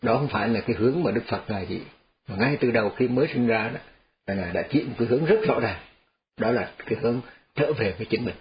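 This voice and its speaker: A Buddhist monk gives a dharma talk in a folksy, homely way. He circles back over his words and chuckles softly through his parables. His voice sits at a middle pitch, and the recording sounds slightly dull and lo-fi. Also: expressive, fast talker. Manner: folksy, repetitive, chuckles while telling parables.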